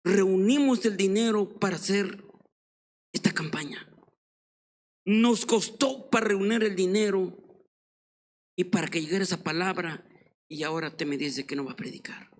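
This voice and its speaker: A man voicing a tearful male pastor who pleads in a low, hushed voice. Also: moderate pace, long pauses. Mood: pleading.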